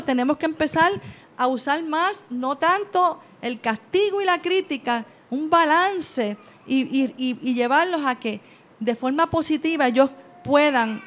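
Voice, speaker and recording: High-voiced woman teaching about parenting. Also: expressive, measured pace. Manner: conversational, often adds "¿verdad?"; presents from slides. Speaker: parenting educator. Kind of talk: talk on parenting.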